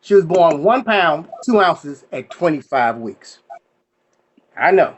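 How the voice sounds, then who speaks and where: A young adult man performing a stand-up set, telling loose conversational stories and doing quick voices for the people in them. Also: on the high side, very animated, muffled recording, a little hiss or hum. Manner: storytelling with voices for friends and family, loose and conversational. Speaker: stand-up comedian.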